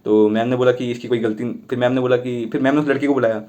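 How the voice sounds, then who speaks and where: A young man casually retelling a school story from his childhood, chatty and animated, voicing the people in it as he goes. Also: medium pitch, quick pace.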